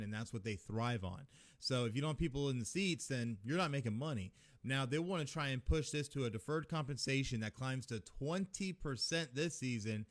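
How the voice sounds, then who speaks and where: A man co-hosting a sports podcast in casual talk, chatty and quick to explain. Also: medium pitch. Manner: chatty, reads a promo. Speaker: podcast co-host.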